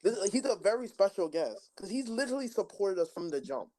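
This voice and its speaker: A man's voice: high-pitched, very animated, fast, warm tone. A young man co-hosts a casual podcast and spins absurd jokes. His intonation rises and falls a lot as he talks. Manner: playful, builds absurd jokes. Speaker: podcast co-host. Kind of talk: casual joking chat.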